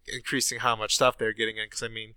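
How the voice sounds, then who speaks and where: A gaming podcast co-host reads the news with a fairly low, flat voice, speaking fast with a bright, forceful and clean tone in a dry recording. His delivery is chatty and full of ums and uhs, and he sounds congested from a sinus infection.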